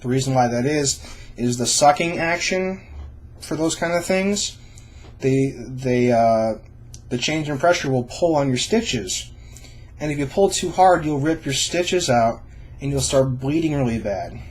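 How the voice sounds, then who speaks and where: A man's voice: medium pitch, animated, unhurried. A young adult man talking informally and reassuringly to camera, explaining things in a casual vlog style. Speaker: vlogger sharing own surgery experience.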